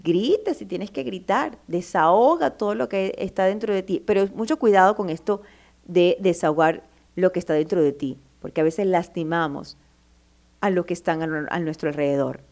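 A woman's voice: fairly low pitch, normal speed, a little mellow. A woman giving motivational advice to her listener. She talks with affection, calls the listener "my love", and stresses her points with feeling. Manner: emphatic, acts out listener's inner doubts. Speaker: advice speaker.

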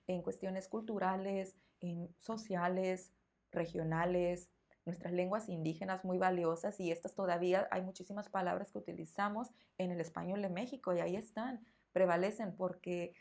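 A woman's voice: medium pitch, darkish tone. A woman with a Mexican accent, a Spanish teacher hosting a podcast, explaining thoughtfully and repeating words as she searches for them. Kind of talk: conversational podcast interview.

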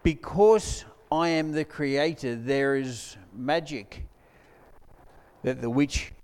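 A man voicing a calm, majestic lion who speaks slowly and solemnly. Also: mid-range voice, clean tone, long reverb tail, pitched below the performer's own voice.

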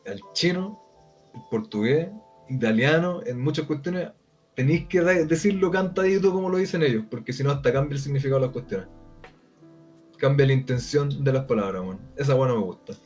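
A man's voice: mid-range voice, a little fast, darkish tone. Man, Chilean accent, casual podcast chat, blunt, rambling, slangy, faint guitar music. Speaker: co-host.

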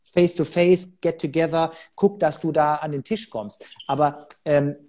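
A man's voice: on the high side, fairly even intonation, a little slow, a little mellow. A man speaking as a sales trainer in a podcast interview, talking emphatically and acting out quoted dialogue from his seminars.

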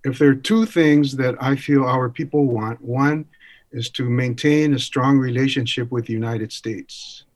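Measured man explaining in an interview. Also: mid-range voice, fairly even intonation, a little mellow. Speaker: interview guest. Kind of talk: thoughtful interview conversation.

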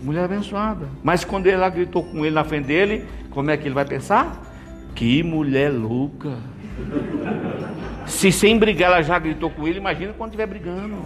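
A man preaching a lively marriage sermon, joking and calling out to the congregation as he acts out little scenes. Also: sits high, fast talker, few pauses, music in the background. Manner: animated, jokey, calls out to congregation. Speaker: pastor.

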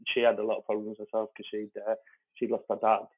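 A comedian guest, a man with a low voice, tells a candid story at a quick pace with a totally flat delivery. He rambles, filling it with fillers and restarts, and swears and laughs as he goes. The audio sounds lo-fi, like a phone call.

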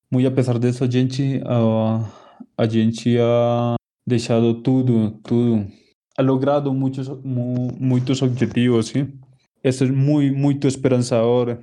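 A man with a very dark, mellow voice and little pitch movement speaks as a podcast guest. His Colombian Spanish accent is clear, and he often gropes for words, mixing in Spanish. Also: little pitch movement. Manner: halting, searching for words, slipping into Spanish. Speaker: interview guest. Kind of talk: casual podcast interview.

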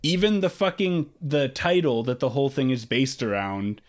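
A man's voice: mid-range voice, moderate pace. A man co-hosting a podcast, ranting profanely and scornfully about a movie in casual chat. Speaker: podcast co-host.

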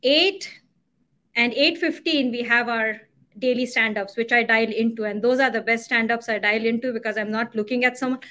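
A middle-aged woman, a company CEO, chatting as a podcast guest, animated and laughing often. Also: fairly high pitch, normal speed. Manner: animated, laughs often, acts out her own quotes. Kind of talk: casual interview chat.

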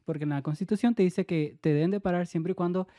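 A woman chats casually, chatty and a little argumentative as she tells her own story. Her voice sits on the low side, warm and mellow in tone. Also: quick pace, dry recording, studio quality. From northwest Mexico. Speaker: conversation partner. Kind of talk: casual chat.

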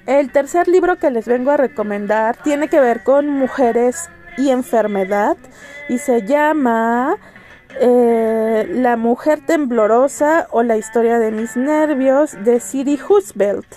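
Chatty woman with mellow voice. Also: fairly high pitch, slow, soft background music. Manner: chatty, many fillers and restarts. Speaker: podcast host. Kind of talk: casual book recommendations.

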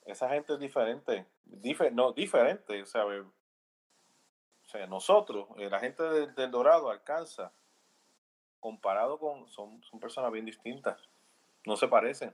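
A man's voice: mid-range voice, measured pace, poor audio. Earnest Puerto Rican man thinking aloud. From Puerto Rico. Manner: earnest, thinks aloud with frequent tag questions. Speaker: podcast guest. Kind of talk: casual opinion chat.

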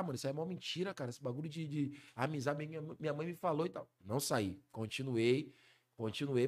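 Rio funk singer in his 40s, podcast guest, rapid-fire slangy storytelling, fairly high voice. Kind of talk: storytelling in a casual podcast chat.

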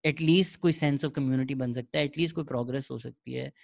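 Very fast-talking Pakistani-accented man. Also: mid-range voice, steady tone, gravelly, a little mellow, no room sound, studio quality. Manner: code-switches between English and Urdu. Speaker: podcast host. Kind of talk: casual conversation.

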